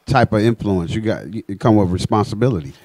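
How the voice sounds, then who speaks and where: A man, speaking colloquially and haltingly as a panelist in a casual discussion. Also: fairly low pitch, animated, darkish tone, no room sound.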